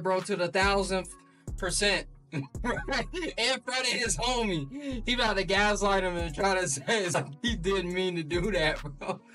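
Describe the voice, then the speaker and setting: High-pitched young man reacting in shocked laughter. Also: sharp tone, far from the mic. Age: young adult. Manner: incredulous, breaking into shocked laughter; slangy. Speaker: host of prank reaction videos. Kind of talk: casual reaction commentary. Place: small indoor room.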